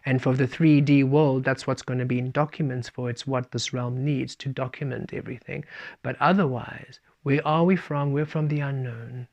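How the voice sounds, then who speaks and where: A man giving a spiritual talk, speaking of himself as "we" and shifting between playful and calm. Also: mid-range voice, moderate pace. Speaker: spiritual teacher. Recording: dull lo-fi recording.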